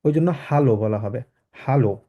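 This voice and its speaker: Over a video call, a Bangladeshi man with a mid-range voice and fairly quick pace patiently explains German to his class, leaning on fillers and mixing English with German. The online audio sounds dull and low fidelity.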